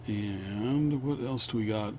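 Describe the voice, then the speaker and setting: Guy doing a casual vlog voiceover, slow and halting, mid pitch, bit of noise behind him. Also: darkish tone. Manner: halting, plain-spoken. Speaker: vlogger. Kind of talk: casual unscripted video narration.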